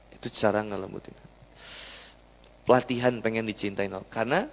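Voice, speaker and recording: A man's voice: medium pitch, gravelly. A young man, giving a chatty, jokey sermon and asking the crowd questions. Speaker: preacher. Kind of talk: lively sermon to a live audience. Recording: long hall reverb.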